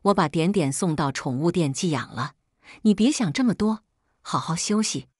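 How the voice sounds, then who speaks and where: A woman's voice: lowish voice, animated, moderate pace, a little mellow, no room sound, studio quality. A woman voicing the narrator's loyal, fiery best friend in a spoken story. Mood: caring. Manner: protective, fiery.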